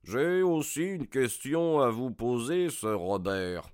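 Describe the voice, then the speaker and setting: A man's voice: mid-range voice, slow, smooth, no room sound, studio quality, voice pushed up. Casting note: Holmes in an audiobook, a composed male sleuth with a lifted, changed tone, done by a man reading the story. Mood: assured. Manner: calm, assured. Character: Sherlock Holmes, calm assured male detective.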